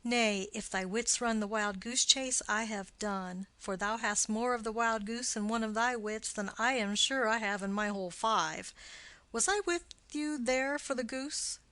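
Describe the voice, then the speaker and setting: A woman's voice: fairly high pitch, measured pace, a bit bright, no echo. A woman voicing a witty, mocking young male nobleman in an audiobook play reading, with teasing, theatrical wordplay.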